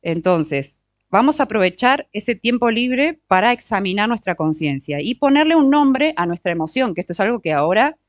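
A middle-aged woman leads a teaching session, steady at a mid pitch for a woman, and her voice sits close and dry with no room sound around it. She keeps checking in with her listeners through short tag questions and slows down to stress key words. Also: no room sound. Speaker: workshop speaker on marriage and emotions. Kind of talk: teaching talk with audience interaction.

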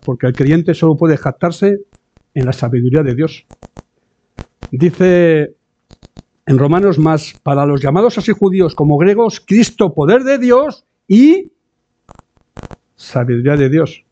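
A man's voice: a little high, normal speed, mellow. A man giving a conversational church sermon, often adding tag questions and acting out quoted voices. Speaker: preacher. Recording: dull lo-fi sound.

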